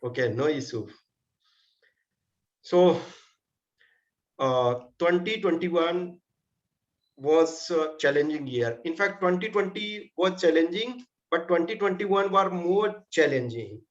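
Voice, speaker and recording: An Indian man puts questions as a panelist in a formal interview, blunt and challenging. His voice sits a little high, and the audio is dull and lo-fi. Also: expressive, takes it slowly, pauses often.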